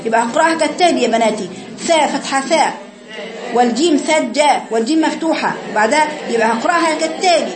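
A high-pitched woman talks at a racing pace amid crowd noise in a roomy-sounding space. She teaches Quran recitation in Egyptian Arabic, correcting students with patience and modeling the chanted sounds herself.

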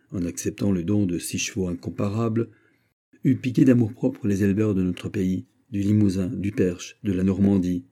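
A man's voice: fairly low pitch, mellow, natural voice. A man voicing a proud, eloquent male royal finance minister who speaks in lofty, formal speeches.

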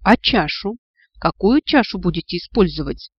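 A man's voice: sits high, expressive, normal speed, husky, no echo, lo-fi sound. A man voicing a sassy young female witch with a cheeky, sarcastic way of talking, in an audiobook.

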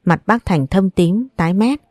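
Mellow-voiced woman narrating a story. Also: mid-range voice, expressive, normal speed, no echo, studio quality. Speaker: audiobook narrator. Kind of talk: first-person storybook narration.

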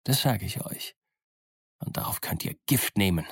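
A man's voice: on the low side, animated, moderate pace, slightly rough, dry recording, studio quality. A man voicing a scheming old one-legged pirate captain who growls threats and mocks his crew. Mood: commanding. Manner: growling threats, mocking and commanding. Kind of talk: audiobook character voice.

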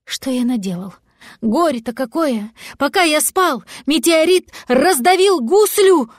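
A woman voicing an anxious, fatherly male cat in a storybook, excitable and fussy. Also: on the high side, measured pace, dry recording, studio quality. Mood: fretful.

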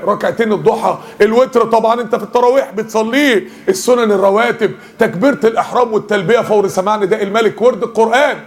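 A man with an Egyptian Arabic accent giving a lively mosque lesson, joking and asking the audience questions. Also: high-pitched. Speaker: preacher.

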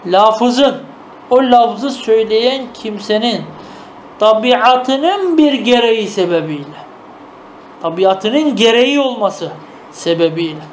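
A man with a strikingly high voice gives a traditional madrasa-style lesson. He reads classical Arabic phrases, then unpacks them patiently, asking himself quick rhetorical questions and checking that his students are following. A faint hum of room noise sits under his voice. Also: animated. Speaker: teacher of classical Arabic grammar and logic.

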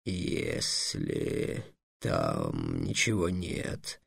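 A man voicing a gloomy, grumbling old male dragon who talks low and slow. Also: huge pitch swings, vocal fry, a bit bright, breathy edge, dry recording, clean studio sound, full character voice.

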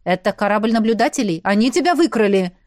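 Picture a serious young man in a spoken story who speaks gravely and with measure, as a woman reader plays him. The sound is close and dry. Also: mid-range voice, lively intonation, fast talker, a little mellow, dry recording, natural voice. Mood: stern.

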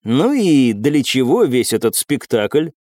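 A man's voice: medium pitch, big pitch swings, slow, warm tone, dry recording, studio quality. A man playing a cold, scheming captain. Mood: smooth. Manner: clipped, insinuating.

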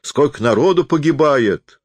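A man's voice: fairly high pitch, expressive, measured pace, no room sound, pitched above the performer's own voice. A man playing a boastful, petulant middle-aged schemer who talks with smug, relishing bluster.

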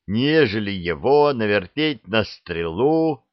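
A man's voice: on the low side, sing-song, slow, no echo. A man playing a stern young prince. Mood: commanding. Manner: curt, commanding. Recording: dry, dull lo-fi recording.

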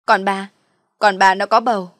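A woman's voice: medium pitch, fairly even intonation, fast, fairly bright tone, dry recording, clean studio sound, close to an everyday voice. A woman voicing a jealous older first wife who whines and weeps like a child. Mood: whining. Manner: tearful, whining complaints.

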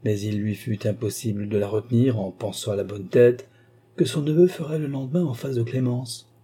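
Dark husky male audiobook narrator. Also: medium pitch, fairly even intonation, normal speed. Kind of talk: scripted narration.

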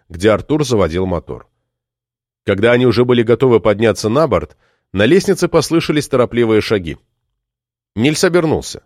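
A man narrating an audiobook in an expressive storytelling manner. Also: mid-range voice, no room sound, studio quality. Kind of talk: scripted narration.

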